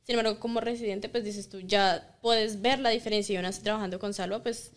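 A woman's voice: mid-range voice, steady tone, quick pace. A woman in her twenties from Colombia with a Colombian accent, a native Spanish speaker, answering politely and hesitantly as a podcast guest. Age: 20s. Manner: polite, hesitant, filler-heavy. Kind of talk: casual interview conversation.

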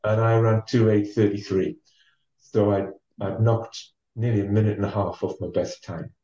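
A man, a former marathon runner from North East England, telling his story as an interview guest, measured, with many ums and restarts. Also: on the low side, steady tone, dark tone, distant mic. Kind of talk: relaxed storytelling. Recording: dull, roomy sound from off the mic.

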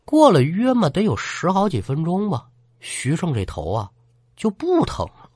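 A man telling a ghost folk tale in an animated, colloquial way, speaking straight to the listener. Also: high-pitched, normal speed, slightly rough, dry recording, studio quality. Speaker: storyteller. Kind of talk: spoken folk-tale storytelling for a ghost-story podcast.

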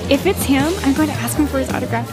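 Woman doing a bubbly high-voiced waitress. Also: quick pace, over loud music. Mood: gossipy. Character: perky young female restaurant server. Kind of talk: amateur podcast audio drama.

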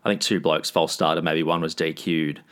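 Deep-voiced, laconic Australian man. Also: little pitch movement, moderate pace, fairly bright tone, clean tone. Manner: blokey, laconic, sweary. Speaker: sports talk show co-host. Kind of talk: casual sports banter.

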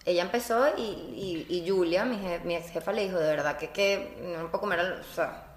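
A woman's voice: lowish voice, brisk, echoey room, crowd noise. A Venezuelan woman co-hosting a podcast, telling anecdotes in casual chat. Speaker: podcast co-host.

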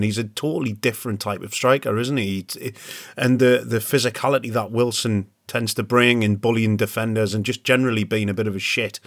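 A man's voice: medium pitch, a bit bright, no echo, studio quality. A man hosting a football podcast, steering casual chat with tag questions. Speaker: podcast host.

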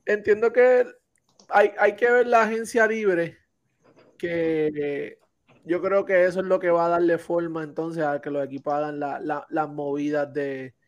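A man with a slightly high voice offers casual sports commentary on a panel. His delivery is halting as he searches for words, and the recording sounds muffled. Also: steady tone. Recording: dull lo-fi audio.

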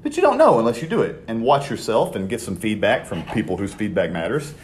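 A young man with a lowish voice hosts a podcast in relaxed, chatty talk. He speaks with frequent fillers and restarts. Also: brisk, slight background noise. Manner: conversational, lots of fillers and restarts. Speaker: podcast host.

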